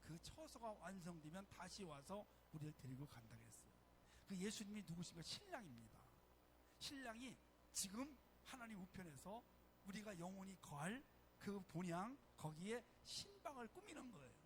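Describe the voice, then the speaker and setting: A man delivers a sermon from the pulpit of a church. His voice sits high and bounces through a wide melodic range, rising to press each point. A faint hiss of background noise hangs under the recording. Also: sing-song, moderate pace. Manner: emphatic, calling out to the congregation. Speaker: pastor. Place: church sanctuary.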